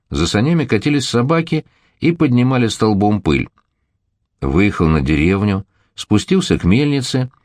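Deep-voiced male audiobook narrator. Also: darkish tone, dry recording, studio quality.

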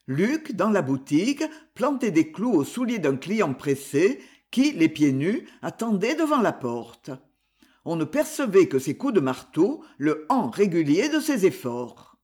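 An audiobook reader narrating a classic novel in a measured, expressive way, giving the characters voices. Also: medium pitch.

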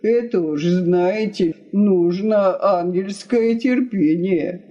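A woman's voice: medium pitch, takes it slowly, warm tone, dull audio. A woman reading aloud, voicing a male houseguest who answers with mock sympathy and irony. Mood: ironic. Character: ironic gossipy male houseguest.

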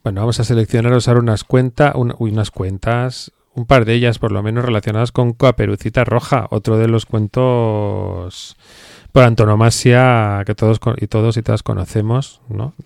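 A man hosts a radio talk show, chatting loosely and laughing easily. His voice sits low with a gravelly, fried edge, and the sound is dry and close. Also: fairly even intonation, normal speed, a little mellow, no echo. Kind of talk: casual radio chat.

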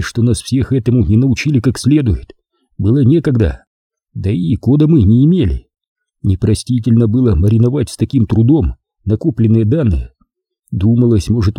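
A man reads a wartime memoir aloud in a measured storytelling manner. His voice is very dark and husky, with a lively, rising and falling pitch. The sound is dry and close. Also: no echo. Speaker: narrator. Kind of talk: audiobook memoir reading.

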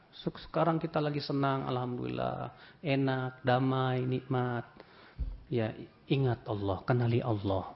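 Male preacher giving a religious lecture, crackly rough voice, reciting arabic then translating, muffled old recording. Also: mid-range voice. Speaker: Islamic preacher teaching hadith. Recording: dull lo-fi audio recording.

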